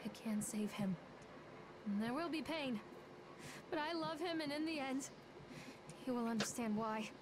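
Haunted mother, anxious, slightly high voice, noisy game audio. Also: unhurried, long pauses. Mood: resolute. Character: desperate mother searching for her son. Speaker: game character. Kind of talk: game voice acting.

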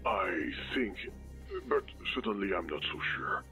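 Chatty snarky game character, pitch jumping all over the place. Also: male voice, measured pace, soft background music, exaggerated voice. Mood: animated. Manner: animated, joking, talking to himself. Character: chatty male game program, loyal and sarcastic.

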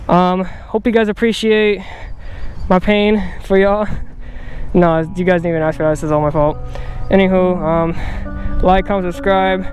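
Young guy with a high voice cussing and laughing at himself, outside on a camera mic. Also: fairly even intonation, unhurried, faint music behind. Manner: swearing, pained and self-mocking. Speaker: vlogger. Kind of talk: casual vlog talk to camera. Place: outdoors.

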